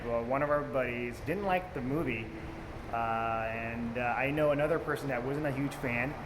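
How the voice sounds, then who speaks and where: A man co-hosts an unscripted movie review, speaking in a rambling, informal way like an enthusiastic fan. His voice is mid-range at a moderate pace, recorded in an echoey, reverberant room with clear background noise.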